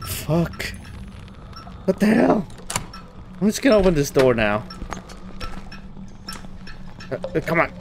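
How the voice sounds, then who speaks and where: A man's voice: a little high, sing-song, unhurried, vocal fry, pauses often, over music. Man, gamer, let's play commentary, jumpy, swears a lot, talks to viewers. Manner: jumpy, swears often, nervous laughs; talks to the viewers while playing. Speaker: gamer playing a horror game.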